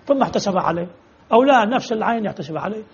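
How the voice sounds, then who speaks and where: A man's voice: sits high, expressive, racing, dull audio, a little hiss or hum. A man teaching religious law in a lecture, explaining with repeated examples and rhetorical questions as he answers students.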